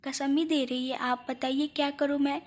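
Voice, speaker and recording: A woman's voice: sits high, fairly even intonation, normal speed, natural voice. A woman voicing a loving but frustrated young husband who pleads and mixes in English words. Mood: hurt.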